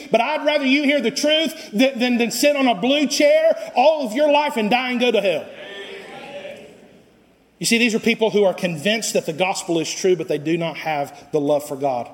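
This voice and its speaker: In a church sanctuary, a man from Costa Rica preaches with passion, dropping into low, drawn-out stretches before bursting into shouts. The room's lengthy echo carries through the audio.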